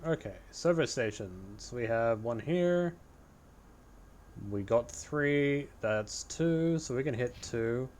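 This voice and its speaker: A man's voice: medium pitch, expressive, slow, darkish tone. A man giving casual video game commentary, talking to himself and reading game text aloud as he plays. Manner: talks to himself while playing.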